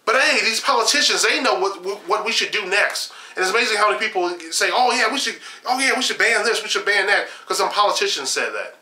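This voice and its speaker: Talking fast with hardly any pauses, a young man with a high voice gives sarcastic political commentary to camera. The sound is roomy; he's in a small room at home with game shelves behind, gesturing animatedly and often using fillers and restarting sentences.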